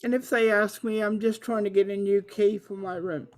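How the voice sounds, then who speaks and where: A woman playing a tabletop game, chatting casually and briskly agreeing with the game master. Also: medium pitch, steady tone, a little mellow. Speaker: player.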